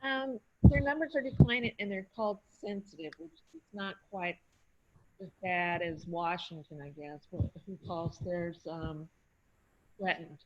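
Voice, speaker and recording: A woman's voice: fairly low pitch, a little slow, highs cut off, slight background noise. A woman giving brief, hesitant answers in a webinar Q&A, her video call audio faint and cutting out. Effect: audio cutting out on a video call, faint and far off. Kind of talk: casual webinar Q&A.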